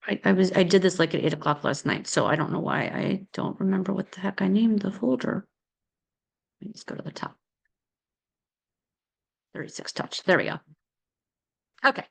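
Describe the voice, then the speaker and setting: A woman's voice: mid-range voice, vocal fry, a bit bright. A middle-aged woman leading a casual real estate team training, chatty and rambling, with many fillers and restarts.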